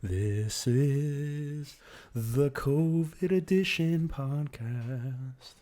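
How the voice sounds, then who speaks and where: A man's voice: mid-range voice, very slow, mellow. A man hosting a casual home podcast, joking and teasing in a crude, offhand way. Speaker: podcast host. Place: home in Miami.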